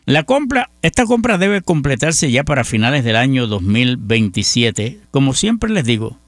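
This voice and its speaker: Very animated and moderately paced, this mid-range male voice comes through in clean studio sound with no room sound. He's a middle-aged Puerto Rican radio host with a Puerto Rican accent, running a news roundup with his own commentary and addressing listeners in a folksy, chatty way, like friends.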